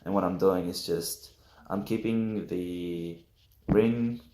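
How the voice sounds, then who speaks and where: A young man giving a casual guitar lesson, halting and full of fillers, correcting himself as he goes, sounding just woken up. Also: sits low, steady tone. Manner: hesitant, many fillers, self-correcting. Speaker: guitar teacher. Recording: roomy echo with loud guitar playing.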